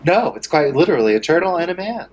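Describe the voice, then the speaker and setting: A man playing his character in a tabletop game, speaking in a smooth, flirtatious way. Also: on the high side, very animated, fast, soft background music. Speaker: player. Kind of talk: in-character tabletop role-play.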